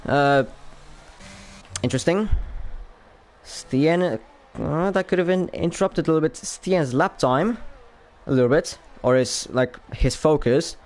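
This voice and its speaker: A young man with a Polish accent calls a sim racing qualifying session live. His voice sits on the higher side for a man. He muses aloud between laps, then jumps up in energy each time a new lap time comes in. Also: unhurried, long pauses, darkish tone. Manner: lifts sharply and speeds up on lap times, otherwise thinks aloud. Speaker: sim racing league commentator. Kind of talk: live esports race commentary.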